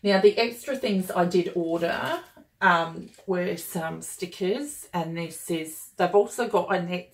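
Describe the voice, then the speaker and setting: A woman's voice: on the low side, slow pace. A woman talking casually and enthusiastically as she unboxes and reviews a planner kit, gushing over each item. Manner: gushing and enthusiastic, chatty with fillers.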